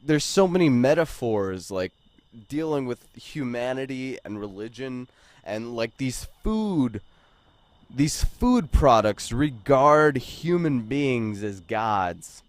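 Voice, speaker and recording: A man's voice: mid-range voice, expressive, takes it slowly. A man giving a casual, rambling movie review, with plenty of swearing and "like" and "you know".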